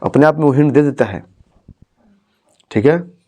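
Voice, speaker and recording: A man's voice: on the high side, normal speed, warm tone. A man teaching and counseling a student, talking encouragingly and checking her understanding with questions. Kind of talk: motivational talk to a student.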